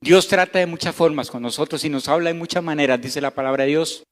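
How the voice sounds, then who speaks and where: A man with a Costa Rican Spanish accent preaching a sermon as pastor, swinging between loud emphasis and hushed, slow passages. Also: on the high side. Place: church hall. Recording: echoey church hall.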